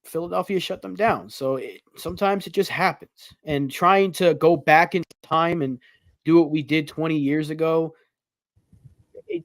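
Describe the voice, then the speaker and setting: A man's voice: a little high, no echo. Chatty man on a podcast, dry sound. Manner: conversational, lots of fillers like "like". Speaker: podcast co-host. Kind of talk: casual sports talk.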